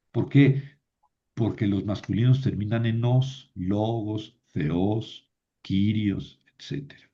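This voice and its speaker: A man teaching a grammar class in a medium-pitched voice. He patiently repeats each word form aloud and poses questions to his listeners before answering them himself. The recording sounds a little dull and lo-fi. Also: vocal fry. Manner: patient, repeats declension forms aloud, asks rhetorical questions. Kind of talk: classroom lecture.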